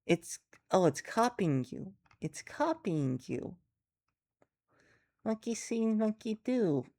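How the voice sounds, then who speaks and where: A woman co-hosting a reading of an interactive webcomic, narrating slowly and deliberately with occasional chuckles. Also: mid-range voice, big pitch swings, mellow. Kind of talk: reading a comic aloud with a co-host.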